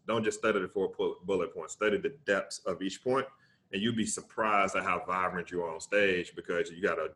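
A middle-aged man from Alabama with a Southern US accent, low-voiced but fairly bright in tone, is a public speaker appearing as a motivational interview guest. He talks casually and emphatically, often tagging his points with a quick "right?"

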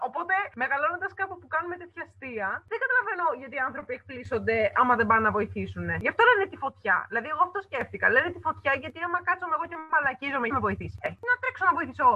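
A woman's voice: on the high side, sharp tone. A woman in a casual chat, cynical and matter-of-fact. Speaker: podcast co-host. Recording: dull lo-fi sound.

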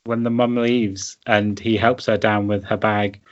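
Low-voiced man in casual chat. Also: level tone, measured pace. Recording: dull lo-fi recording.

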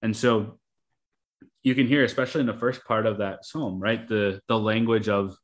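A man's voice: on the low side, fairly even intonation, normal speed. Casual-sounding man teaching scripture. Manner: conversational, many fillers like "you know" and "right". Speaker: Bible teacher.

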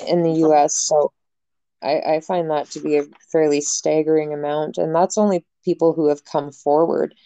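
A woman's voice: sits low, level tone, moderate pace, warm tone, clean tone, dry recording, lo-fi sound. A young woman hosting a casual podcast, frank and jokey, swearing freely as she talks. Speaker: podcast host.

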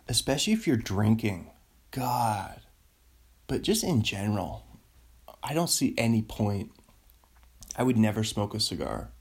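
A man doing a rambling, casual comedy monologue, laughing at his own jokes as he goes. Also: medium pitch. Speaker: comedian host.

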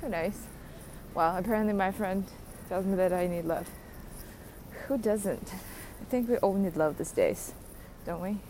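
This podcast host, a young woman, speaks at a measured pace in a medium-pitched, dark-toned voice. Alone at the mic, she wanders through a relaxed rant, frequently laughing and mocking herself, with slight background noise.

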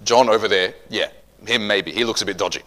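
A man's voice: on the low side, fairly quick, a bit bright, close to an everyday voice. A man voicing a brash, boastful fisherman disciple who talks in offhand, cocky slang.

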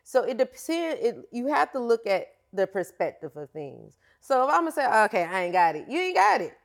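A woman's voice: fairly high pitch, very animated, moderate pace, vocal fry. Slangy, candid woman telling her story. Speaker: fitness instructor and guest. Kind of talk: casual storytelling interview.

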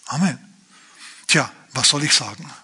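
Husky, bright-voiced German pastor preaching. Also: male voice, on the high side, unhurried. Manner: lively, chatty preaching with asides to listeners. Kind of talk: sermon.

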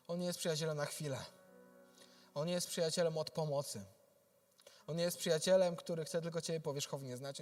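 A man preaching a sermon and reading scripture, speaking earnestly and directly to the listener, moving between soft, low passages and loud, impassioned ones.

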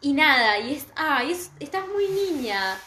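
Young Rioplatense woman, podcast host, high lively voice, gushing, echoey room with faint noise. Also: unhurried. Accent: Rioplatense Spanish. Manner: gushing, exclamatory, laughs often. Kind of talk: casual chat.

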